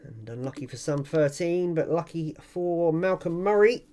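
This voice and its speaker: A man with a slightly high voice hosts a casual online giveaway announcement. He commentates on the draw as it goes, informal and chatty. He addresses winners and viewers directly, like a channel owner talking to regulars. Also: expressive, normal speed, warm tone.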